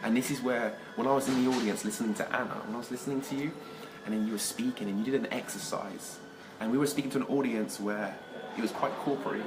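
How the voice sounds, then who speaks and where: A man's voice: mid-range voice, steady tone, fast talker, background noise. Enthusiastic, rambling man hosting a live stream. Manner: enthusiastic, rambling, with repeated words. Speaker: host. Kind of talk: casual conversation.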